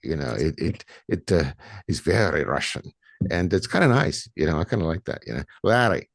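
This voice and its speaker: A man's voice: a bass voice, sing-song, moderate pace, gravelly, no echo, studio quality. A man hosting a podcast interview, chatty and rambling, restarting his sentences often. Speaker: podcast host. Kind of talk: casual interview.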